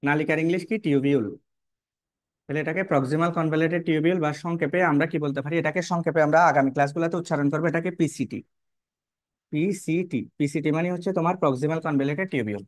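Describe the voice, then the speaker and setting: Male biology tutor, a bit high-pitched, dry close recording. Repeats terms, quizzes students as he draws. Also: fast talker, no echo. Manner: repetitive, checks in with "কেমন?" and rhetorical questions. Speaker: biology teacher. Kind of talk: online lesson, explaining while drawing.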